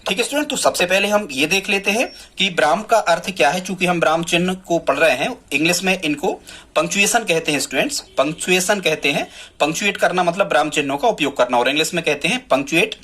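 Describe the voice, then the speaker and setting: A man's voice: high voice, quick pace, pushed and bright. A man teaching a grammar lesson, speaking to students and repeating the key answers.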